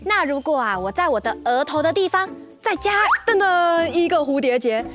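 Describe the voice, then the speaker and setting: A woman's voice: high-pitched, expressive, moderate pace. A young woman with a Taiwanese Mandarin accent presenting a children's show in a playful, cutesy, exaggerated manner. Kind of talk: playful scripted children's TV chat. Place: TV studio with painted forest set. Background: music.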